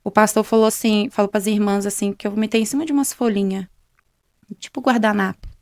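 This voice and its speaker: A young woman appears as a guest on a faith program, relating her testimony and voicing the back-and-forth of quoted conversations in a chatty manner. She talks fast in a steady, medium-pitched voice, recorded studio-clean without room sound.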